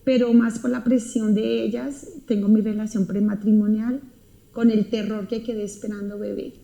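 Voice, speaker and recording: A woman's voice: medium pitch, level tone, normal speed, vocal fry, warm tone. A woman giving an emotional personal testimony, talking earnestly and intensely and repeating her words. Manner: earnest, intense storytelling with repetitions. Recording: roomy echo.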